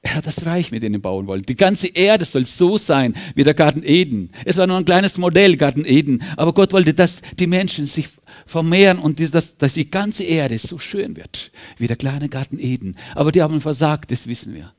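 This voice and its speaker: A man preaching a sermon as pastor of a church, fervent, swinging from loud rises to hushed drops. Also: a little high, animated, moderate pace. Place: church service.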